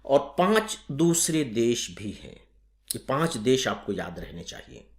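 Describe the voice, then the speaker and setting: A man from India gives an exam-prep lecture in a mid-pitched voice. He explains step by step, asks rhetorical questions and slows down to stress key terms. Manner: lively emphasis, slowing down on key terms. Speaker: teacher.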